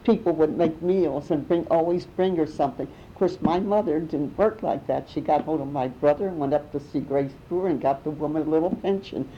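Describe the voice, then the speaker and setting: A woman's voice: a little fast, hardly any pauses. An older woman telling memories in an oral history interview, rambling along with restarts and small laughs. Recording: muffled with faint rumble.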